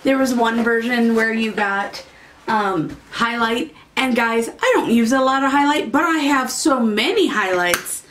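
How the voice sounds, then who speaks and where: Casually chatting through a makeup unboxing, this woman beauty vlogger rambles and is easily delighted, now and then slipping into a sing-song voice. Her voice sits on the high side, a bit bright, at a measured pace.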